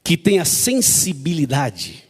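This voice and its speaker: A man's voice: a little high, wildly swooping pitch, slow pace, husky, in a large hall. A man preaching a sermon, emphatic and repetitive, often asking the congregation to agree.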